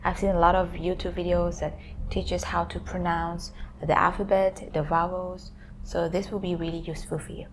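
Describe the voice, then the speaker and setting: A woman's voice: on the low side, level tone, moderate pace, slight background noise. A woman hosting a language learning video, explaining pronunciation tips step by step with some hesitations.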